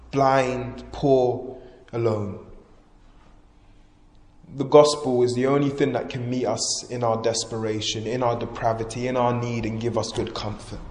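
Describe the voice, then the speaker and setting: A man preaching a sermon fervently, rising to loud proclamation and dropping to hushed emphasis. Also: a little high. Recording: echoey hall with long reverb.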